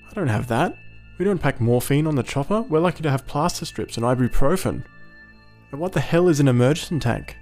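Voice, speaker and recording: A man's voice: mid-range voice, lively intonation, a little fast, darkish tone, soft background music, pitched above the performer's own voice, close to an everyday voice. A man voicing a harried male rescue helicopter pilot, exasperated and incredulous.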